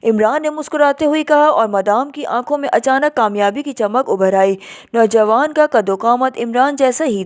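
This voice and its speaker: Woman reading a spy novel aloud, even storytelling, kinda high voice. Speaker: narrator. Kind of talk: audio novel narration.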